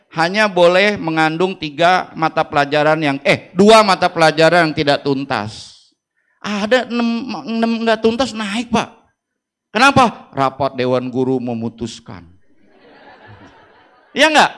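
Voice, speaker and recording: High-voiced joking workshop speaker. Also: male voice, smooth. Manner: lively, joking, acts out quoted teachers. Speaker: workshop speaker, school principal. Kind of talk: humorous workshop talk to teachers. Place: auditorium with audience.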